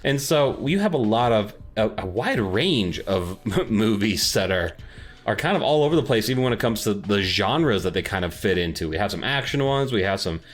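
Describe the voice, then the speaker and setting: With a lowish, expressive voice at normal speed, this man hosts a podcast, chatting in a loose, self-deprecating manner. The untreated home office gives the audio an echo, and music plays beneath him.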